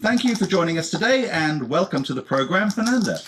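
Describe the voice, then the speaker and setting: An actress playing a polite female interviewer in a scripted course-audio recording, speaking with clear enunciation. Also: lowish voice, sing-song, brisk, over music. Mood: friendly. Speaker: interviewer in a textbook listening recording. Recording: course audio replayed with audible noise.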